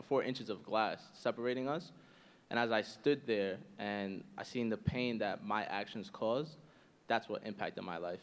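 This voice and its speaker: Man, twenties, lowish voice, earnest and steady, panel guest, hall reverb. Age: 20s. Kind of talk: telling his life story on a panel.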